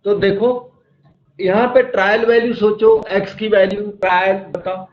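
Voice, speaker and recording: A man with a high-sitting, steady voice at normal speed gives a classroom maths lecture, breaking things down step by step and quizzing the students. The echoey room leaves the sound a bit dull.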